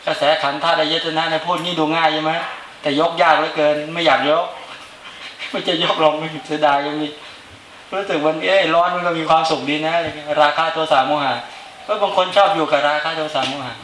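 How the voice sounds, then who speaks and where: A man's voice: on the high side, fairly even intonation, fairly quick, fairly bright tone, a little hiss or hum. A male Buddhist monk giving an informal dharma talk, speaking conversationally and often asking the listeners to agree with him. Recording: roomy echo with faint ambience.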